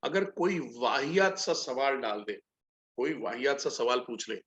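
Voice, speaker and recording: A man's voice: medium pitch, measured pace, lo-fi sound. A middle-aged man running a live online sales training, telling stories and acting out both sides of the dialogue. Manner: animated storytelling, acts out both sides of dialogues.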